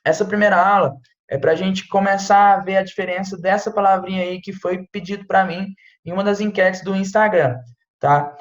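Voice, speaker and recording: A man's voice: high-pitched, steady tone, moderate pace, echoey room, muffled recording. A man, teaching an informal online French lesson in a chatty way, often checking in with "tá?" and "né?". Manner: chatty, peppers speech with "tá?" and "né?". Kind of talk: casual online language lesson.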